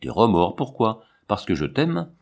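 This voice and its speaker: A man's voice: on the low side, sing-song, unhurried, creaky, exaggerated voice. A man voicing an impassioned, lovestruck fairground performer who pleads eagerly. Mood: pleading.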